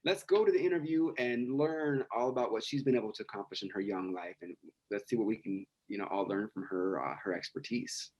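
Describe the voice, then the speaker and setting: A man's voice: on the low side, fairly quick, hardly any pauses, darkish tone. A man co-hosting a podcast, talking casually with many fillers and self-corrections as he introduces a guest. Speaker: podcast co-host.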